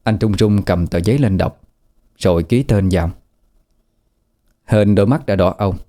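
A man narrating a ghost story in a steady, sorrowful manner. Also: lowish voice, normal speed.

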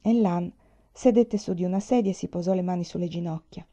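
A woman reading a novel aloud in a steady, measured way. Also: fairly low pitch. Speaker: audiobook reader. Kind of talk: scripted narration of a novel. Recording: dull lo-fi recording.

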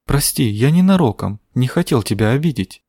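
A man's voice: mid-range voice, animated, fairly quick, mellow, no room sound. A man voicing a ragged boy thief who apologizes with exaggerated, mocking politeness. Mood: apologetic. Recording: dry studio sound.

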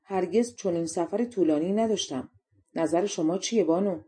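A woman's voice: fairly low pitch, warm tone, lightly acted. A woman voicing a young male soldier who speaks bluntly and mocks himself, in a storybook reading. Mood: cheerful. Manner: blunt, self-mocking. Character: young soldier-king, bold and plain-spoken.

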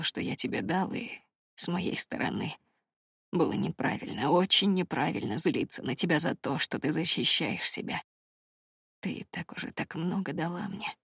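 Woman voicing a hushed, pleading fisherman lover. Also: gravelly, slightly rough, dry recording, studio quality, exaggerated voice. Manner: low hushed pleading, half-whispered. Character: remorseful crab-fisherman lover, young man.

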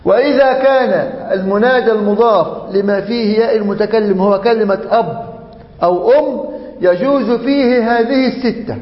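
A sheikh teaching a grammar lesson, chanting verses slowly and drilling examples for his class. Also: high voice. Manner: slow, drawn-out chanting of Quran verses and example forms; repeats examples to drill the class, checks in with the students. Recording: dull, echoey lecture hall audio.

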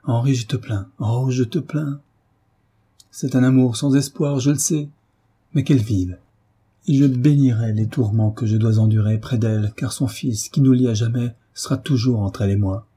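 A man's voice: medium pitch, fairly even intonation, moderate pace, mellow, slightly rough, natural voice. A man voicing a doctor who speaks in a grave, sad tone. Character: grave, sorrowful older male doctor.

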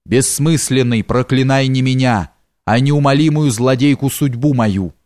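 A man's voice: medium pitch, measured pace, a little mellow, no room sound, clean studio sound, lightly acted. A man voicing a grim, mysterious male warrior stranger in an audiobook, urgent and commanding. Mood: anguished.

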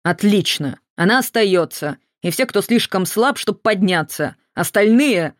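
A reader voicing a brutal male camp guard who shouts orders and mocks the prisoners, in an audiobook. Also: medium pitch, expressive, a little slow, no room sound, studio quality, voice pushed up, close to an everyday voice. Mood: barking. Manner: loud, barking orders, mocking.

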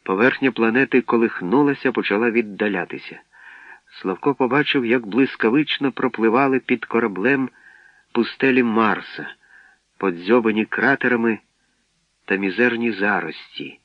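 A man narrating a story from a script, with steady storytelling that shifts into acted voices. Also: mid-range voice, normal speed, dry recording. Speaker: audiobook narrator. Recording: dry, dull lo-fi recording.

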